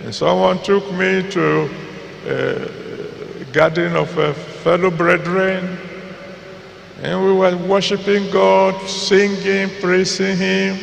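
A man with a Nigerian accent preaching a sermon deliberately, pausing between short phrases and repeating them for emphasis, his voice gravelly and creaky. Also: high voice, flat delivery. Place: large church auditorium with PA reverb. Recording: reverberant large hall, faint background noise.

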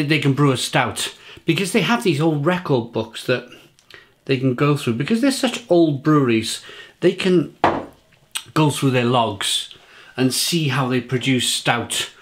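An English man in his forties, voice at medium pitch, chats through a beer review for the camera in his own kitchen, often repeating words as he looks for them.

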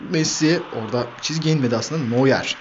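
Guy doing football game commentary, gets loud and excited, kinda dull muffled audio w faint hiss. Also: mid-range voice, brisk. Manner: excitable, shouts player names, swears at the players. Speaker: gaming channel host.

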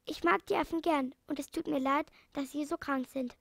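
A woman reading a storybook aloud, voicing a kindly male animal doctor with a gentle, earnest manner. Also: high-pitched, steady tone, moderate pace, creaky, dry recording.

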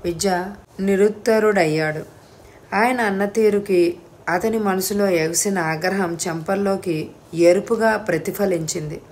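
A woman reading a novel aloud as an audiobook narrator, with steady, expressive storytelling. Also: mid-range voice, measured pace.

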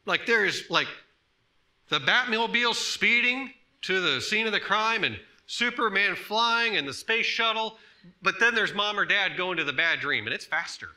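A man in his thirties preaches a sermon in a church sanctuary. His voice is bright and ringing, a little high, with a very lively melody. He sinks to near-whispers and then surges into loud, emphatic bursts. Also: moderate pace. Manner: swings from soft hushed tones to loud emphatic bursts. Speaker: pastor.

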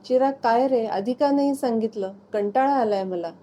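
A woman's voice: fairly high pitch, moderate pace, dark tone, highs cut off, lightly acted. A woman reading aloud, voicing a shy young wife who turns tired and exasperated with her husband. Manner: bashful, then exasperated. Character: young wife, shy but quick to scold.

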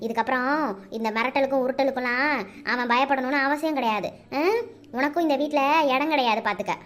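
A woman's voice: high-pitched, brisk, natural voice. A woman voicing a domineering older mother-in-law in a cartoon, scolding and giving orders with a Kanyakumari Tamil accent. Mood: scornful. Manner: scolding, commanding.

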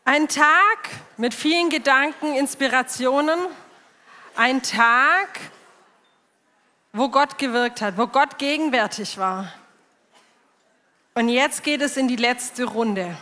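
A woman hosting an event on stage, speaking slowly and encouraging the audience directly. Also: high voice, sharp tone. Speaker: event host. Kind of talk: stage moderation. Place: large event hall. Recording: echoey hall reverb.

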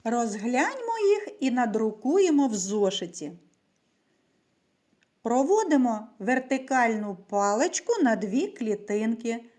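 Woman teacher, children's literacy lesson, slow careful delivery, lively rising and falling pitch, fairly high voice. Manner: patient, stretched-out words, asks and answers her own questions. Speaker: primary school teacher.

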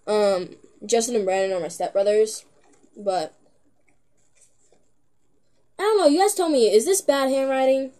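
A young teenage girl chatting to her camera in a loose, rambling vlog, with plenty of filler words and giggles. She talks slowly, in an unhurried drawl. Her tone is soft and mellow rather than bright. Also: on the high side. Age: young teen. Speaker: vlogger. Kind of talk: casual chat to camera.

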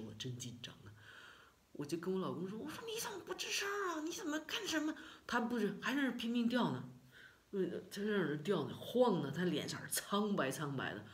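A middle-aged woman from China telling a personal story in a casual vlog, emotional and expressive, with many repeated words and sighs. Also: low-pitched. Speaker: vlogger.

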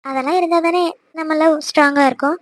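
A woman voicing a possessive, jealous young wife in a cartoon, talking in a quick, scolding, emotional way. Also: high-pitched, steady tone, dry recording, clean studio sound, natural voice. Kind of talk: cartoon voice acting.

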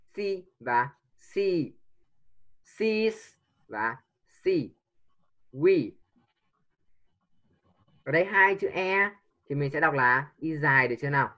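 A man's voice: on the high side, highs cut off. A man teaching an English lesson to a child, patiently coaxing with repeated prompts.

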